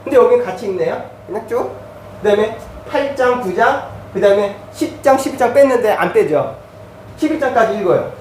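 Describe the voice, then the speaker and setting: A man's voice: high-pitched, lively intonation, brisk, darkish tone, roomy sound, recorded from a distance, slight background noise, low-quality recording. A man preaching as a pastor, giving a teaching sermon. He goes through a chart step by step.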